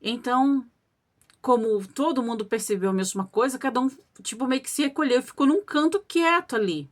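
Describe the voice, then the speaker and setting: A woman storyteller shares a listener's supernatural tale in the first person, addressing her audience directly in a chatty, conversational manner. Her voice sits high and moves at a moderate pace.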